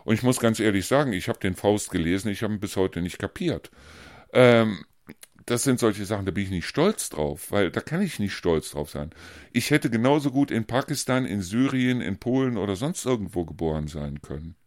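A man's voice: lowish voice, lively intonation, moderate pace, darkish tone, no echo, clean studio sound. A man co-hosting a podcast in casual conversation, ranting bluntly and heatedly, hammering his points with repetition. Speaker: podcast co-host.

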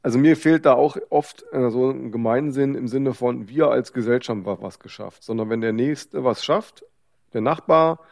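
A man co-hosting a podcast in casual conversation, talking in a measured, reflective way with many small hedges. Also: medium pitch, gravelly, darkish tone. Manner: measured, reflective, hedging with fillers. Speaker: podcast co-host.

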